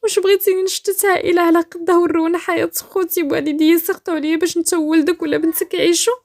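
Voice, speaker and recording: A woman with a Moroccan accent voicing a frightened, desperate pregnant young woman who pleads and shouts through tears. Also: extremely high pitch, quick pace, pitched above the performer's own voice. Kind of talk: storytelling voice-acting.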